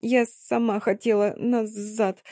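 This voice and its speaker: A reader voicing a frightened, frozen young woman who speaks softly and falteringly. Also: medium pitch, little pitch movement, slow pace, no room sound, clean studio sound. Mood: shaken. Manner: faltering, soft, teeth chattering.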